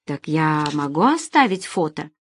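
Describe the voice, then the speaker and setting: A woman's voice: deep voice, big pitch swings, a little slow, breathy edge, heavily acted. A woman reading the part of a proud, jealous young man on holiday in a storybook, in a wry, defensive manner. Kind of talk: audiobook character voice.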